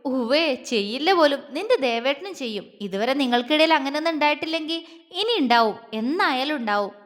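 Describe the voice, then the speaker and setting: A woman's voice: sits high, lively intonation, a little fast, fairly bright tone, big-room sound. A woman voicing a bold young college girl who teases and pushes her friend. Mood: teasing.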